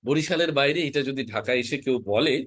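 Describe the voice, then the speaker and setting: A man teaching an online class on spoken-word art, explaining in a measured, emphatic way with deliberate pauses. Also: medium pitch, fairly bright tone. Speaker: recitation and voice teacher.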